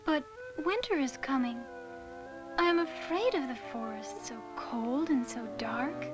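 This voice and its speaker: A woman's voice: high-pitched, expressive, measured pace, over music. A woman playing a timid, sweet orphan girl in a storybook drama, earnest and plaintive. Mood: fearful, earnest. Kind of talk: dramatized storybook fairy tale.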